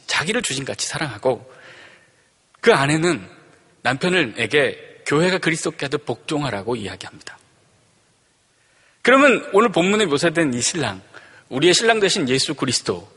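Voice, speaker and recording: A man pastor delivers a sermon in a slightly high, husky voice that rings with a bright edge. His delivery swings from loud proclamations down to hushed asides as he poses questions to the congregation. The sound carries the long reverb of a large church sanctuary. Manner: preaching with rhetorical questions and dramatic swings between loud and hushed.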